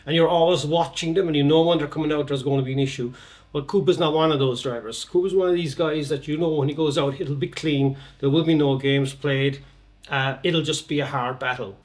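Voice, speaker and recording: A man's voice: a little high, steady tone, a little fast. A man, a drift competition judge, chatting candidly in a documentary interview.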